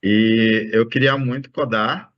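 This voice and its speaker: A man from Salvador, a student introducing himself on a video call, halting with fillers. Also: lowish voice, steady tone. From Salvador, Bahia, Brazil. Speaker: student squad leader. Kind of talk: self-introduction in online meeting. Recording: dry muffled call audio.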